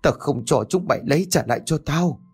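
A man's voice: on the high side, a little fast, darkish tone, breathy edge, pitched above the performer's own voice. A man voicing a frail old father who begs and wails, his voice trembling. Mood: desperate pleading. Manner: trembling, begging.

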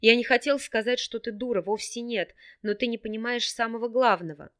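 A woman's voice: on the high side, brisk, a bit bright, natural voice. Lady reading as a snappy proud young nobleman, clipped and impatient.

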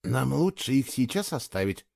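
A man's voice: a little high, very animated, fairly quick, darkish tone, no echo, clean studio sound, voice pushed up. A man voicing an awkward, polite young man in a storybook reading.

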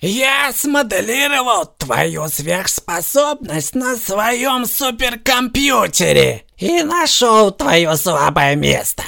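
Gravelly old professor for an audiobook, slow and measured, bright tone, voiced by a man. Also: high-pitched, big pitch swings, pitched above the performer's own voice, heavily acted. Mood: lecturing. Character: old male telepathic professor, deliberate.

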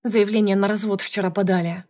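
A young woman clerk, quick to take offense and snap back , voiced by a woman reading the book. Her retorts are indignant and sharp, part of an audiobook. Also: mid-range voice, steady tone, natural voice. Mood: bitter. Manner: indignant, snappy. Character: young female office worker, touchy and defiant.

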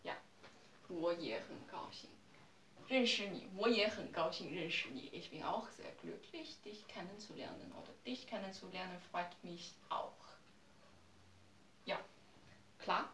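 A woman teaching a language class, who repeats each phrase patiently and explains it slowly. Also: lowish voice, a bit bright, echoey room, a little hiss or hum.

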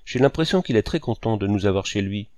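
A man's voice: lowish voice, lively intonation, fast talker, darkish tone, natural voice. A man voicing a pleasant, practical young woman who speaks in an amiable, matter-of-fact way.

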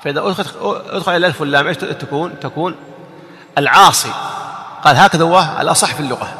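A man teaching a religious lesson with a somewhat high, bright and forceful voice. He repeats key words and tosses questions back to his listeners as he explains. His voice rings with a long hall reverb. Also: rapid-fire, a little hiss or hum. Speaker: sheikh teaching hadith.

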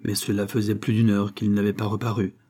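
Male narrator, audiobook, measured storytelling, mellow, husky. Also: lowish voice, completely flat delivery.

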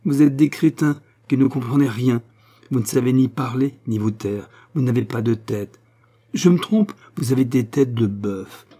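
A man's voice: fairly even intonation, normal speed, dark tone, close to an everyday voice. A man reading a novel aloud, voicing a scheming, sneering woman in a raised, mocking tone. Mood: furious. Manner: sneering, mocking, shrill outbursts.

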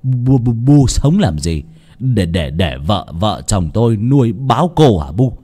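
A man's voice: lowish voice, big pitch swings, slow pace, a little mellow, slightly rough, heavily acted. A man voicing a cruel son-in-law in an audio story who stammers and mocks his bedridden mother-in-law. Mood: mocking. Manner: stammering, mocking, laughing between words.

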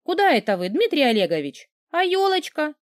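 A woman voicing a cheeky young woman in an audiobook, pert and lively, sometimes wistful. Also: sits high, fairly quick, no echo, studio quality. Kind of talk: audiobook character reading.

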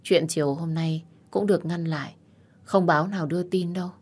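A woman voicing a worried, protective young female best friend who fusses and scolds gently in an audio story. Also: lowish voice, fairly even intonation, fairly quick, breathy edge. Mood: caring. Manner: fussing, scolding, caring.

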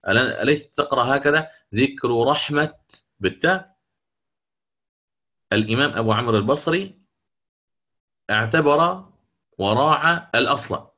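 A man teaching the rules of Quran recitation in a lecture, who explains step by step, checks in with his listeners and recites verse examples slowly. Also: medium pitch, lively intonation, sharp tone.

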